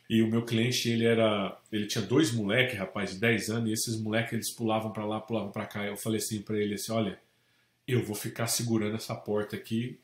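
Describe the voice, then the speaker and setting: A Brazilian man, a real estate agent, telling lively stories in a casual interview and acting out the people in them. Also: fairly low pitch. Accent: Brazilian Portuguese. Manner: animated anecdotes, acts out quoted people. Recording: echoey room.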